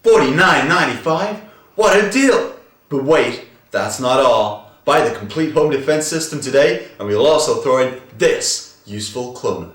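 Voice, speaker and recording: A man plays an earnest, easily impressed infomercial host. His parody sales delivery is exaggerated and very lively in pitch. He sounds a little far from the mic in an echoey room. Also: normal speed, natural voice. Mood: amazed excitement. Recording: roomy, distant mic, music behind.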